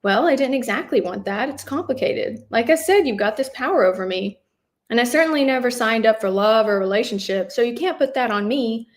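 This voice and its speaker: A woman's voice: fairly high pitch, animated, brisk, natural voice. A curt, sarcastic young man who keeps his lover at arm's length, read aloud by a woman in her own everyday voice. He sounds like a character from a novel reading, short and guarded.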